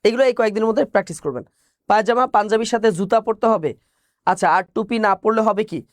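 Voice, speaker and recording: A man's voice: high-pitched, racing, dry recording, clean studio sound. A male teacher giving an online exam-prep class, explaining point by point, repeating key phrases and answering his own questions.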